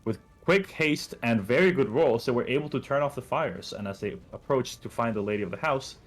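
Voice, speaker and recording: A man's voice: mid-range voice, lively intonation, fairly quick, faint music behind. A man recapping and running a tabletop game as game master, explaining the rules patiently.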